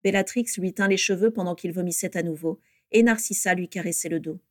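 A woman reading a story aloud with steady, measured narration. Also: fairly low pitch, no room sound, clean studio sound.

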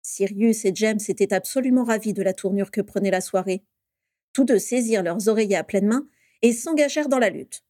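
A woman reads a story aloud in a calm, measured way. Her tone is mellow and darkish, recorded dry and close. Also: mid-range voice, no echo. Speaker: narrator. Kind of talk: storybook reading.

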